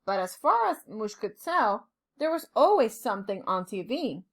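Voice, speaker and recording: A female teacher reads a storybook to young children in a high, very animated voice. The expressive read-aloud is deliberate and full of dramatic pauses.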